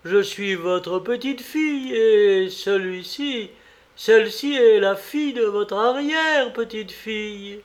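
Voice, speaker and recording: A man's voice: high voice, takes it slowly, pitched above the performer's own voice. A man voicing an earnest woman over eighty.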